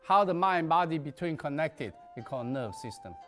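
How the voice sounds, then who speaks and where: A man's voice: on the high side, expressive, moderate pace, faint music behind. A man, a native Chinese speaker, teaching a qigong lesson in emphatic, non-native English that drops articles and verbs. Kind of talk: lecture.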